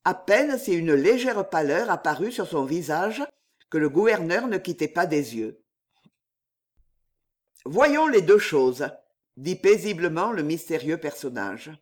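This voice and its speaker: A man reading a historical novel aloud in an expressive, measured way. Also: high-pitched. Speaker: audiobook narrator. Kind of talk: scripted novel narration.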